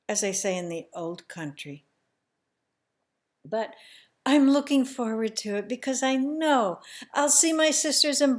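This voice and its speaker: Slow, expressive woman telling a story. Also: fairly high pitch. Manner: slow, emotional, dropping to hushed near-whispers. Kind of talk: first-person dramatic storytelling.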